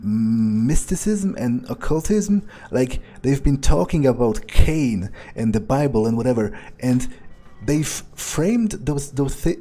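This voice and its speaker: In this in-character video game commentary, a man with a warm, medium-pitched voice muses aloud, hesitant and sardonic, with casual swearing. He is a gaming video creator playing in character.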